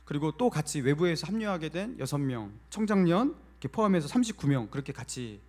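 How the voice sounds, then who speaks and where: A middle-aged male pastor delivers a Sunday sermon in a high, very animated voice. He tells stories from his ministry quietly, acts out his own past complaints to God, and then climbs into loud, emphatic preaching. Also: fast talker. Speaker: senior pastor.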